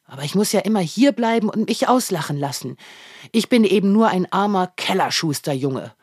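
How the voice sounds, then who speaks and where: A woman's voice: lowish voice, sing-song, measured pace, a little mellow, husky, dry recording, studio quality, voice pushed up, heavily acted. A woman voicing a sad chubby young boy who wants to be someone else, speaking earnestly and pleadingly. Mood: earnest, upset.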